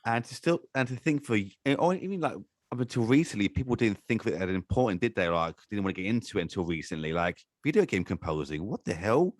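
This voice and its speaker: A man's voice: fairly low pitch, expressive, quick pace, few pauses, dry recording, clean studio sound. A man hosting a podcast in casual chat, laughing often and talking with enthusiasm. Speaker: podcast host.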